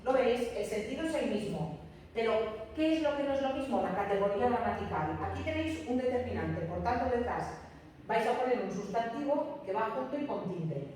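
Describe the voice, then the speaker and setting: A woman teaches a grammar lesson, repeating each rule and pausing to check that the class follows. Her slightly high voice comes from some distance off. The room has a long, ringing echo. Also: animated, darkish tone. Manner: repeats key rules, checks understanding with frequent "¿m?". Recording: echoey classroom from far off, faint room noise.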